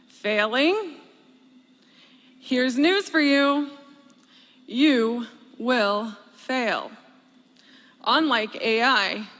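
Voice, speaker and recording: A woman in her thirties giving a graduation speech, with deliberate, emphatic pauses. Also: a little high, sharp tone. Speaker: commencement speaker. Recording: long hall reverb.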